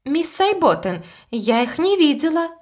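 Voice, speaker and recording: A woman's voice: sits high, very animated, measured pace, darkish tone, voice pushed up. Clever young girl sleuth, read by a woman. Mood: calm. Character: plucky, calm young girl detective.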